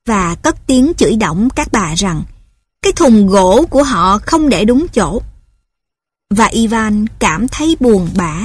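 Woman narrating a story, fairly high. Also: husky, dry recording.

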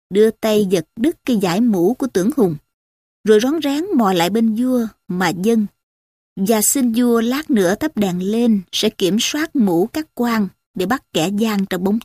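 A woman storyteller reading a classical novel aloud in a steady, measured way. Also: mid-range voice, no room sound, clean studio sound.

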